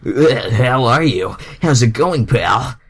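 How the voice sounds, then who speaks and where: A man's voice: medium pitch, lively intonation, slow pace, husky. A man reading the part of a friendly, laid-back hedgehog hero in fan fiction, casual and slightly stammering. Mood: excited.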